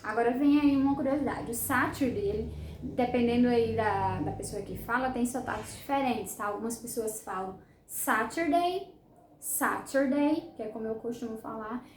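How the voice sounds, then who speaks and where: A woman with a Brazilian Portuguese accent, teaching an English lesson and drawing out each word slowly so learners can repeat it. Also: on the high side, steady tone, darkish tone, echoey room, slight background noise. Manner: slow, drawn-out model pronunciation of English words. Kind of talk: bilingual language lesson.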